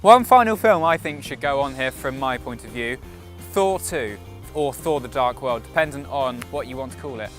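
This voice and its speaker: A man's voice: mid-range voice, expressive, moderate pace, fairly bright tone, soft background music. A young man giving casual, opinionated reviews to camera as a vlog co-host.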